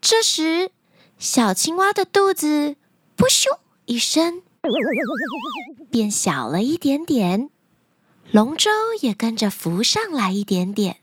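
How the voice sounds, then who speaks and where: A woman narrating a children's story in an expressive storytelling style. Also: sits high, slow pace, pauses often, no room sound.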